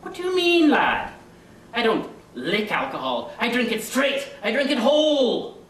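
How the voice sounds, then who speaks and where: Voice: medium pitch, huge pitch swings, unhurried, a bit bright. A performer playing a boastful, mischievous little male leprechaun, who answers questions with sly wordplay in a comedy sketch. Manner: cheeky, sly, rambling, fond of wordplay. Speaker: interview guest. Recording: echoey room, distant mic, faint noise.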